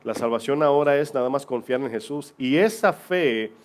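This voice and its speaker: A man's voice: mid-range voice, expressive, normal speed. A married man preaching a sermon as pastor to his congregation, reading scripture aloud and asking rhetorical questions.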